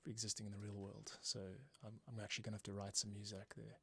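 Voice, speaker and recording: A fast-talking man with a lowish, gravelly voice, sharp tone, and breathy edge speaks in a completely flat delivery. He's a composer livestreaming from a small home closet studio, casually explaining and thinking aloud as he works in a tutorial. Music cues play in the background, and there's no room sound.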